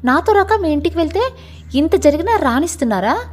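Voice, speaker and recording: A woman's voice: very high voice, very animated, fairly quick, voice pushed up. A woman voicing a protective, bossy young man who scolds and insists. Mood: insistent.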